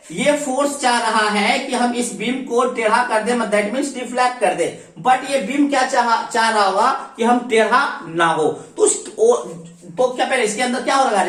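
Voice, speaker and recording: A woman teaching an engineering class, with a fairly high voice. She repeats each term as a question and answers it herself, slipping English terms into her speech. The sound comes from away from the mic, in an echoey room. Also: recorded from a distance. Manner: often addresses students as dear children. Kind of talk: recorded online class lecture.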